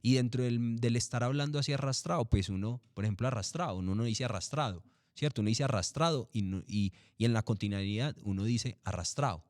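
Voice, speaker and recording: A middle-aged man, a commercial voice-over artist talking in an interview, relaxed and repetitive, asking and answering his own questions. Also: medium pitch, fast, few pauses, no room sound, clean studio sound. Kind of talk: interview, casual explanation.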